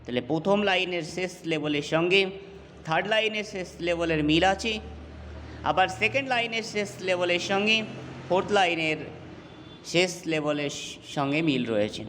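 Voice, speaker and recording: A man gives a classroom lesson on English poetry, breaking the material down step by step and pausing to check that his students follow. His voice sits high for a man, and a long reverb trails each phrase. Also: pushed and bright, slight background noise. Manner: explains step by step, asks checking questions. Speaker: English teacher.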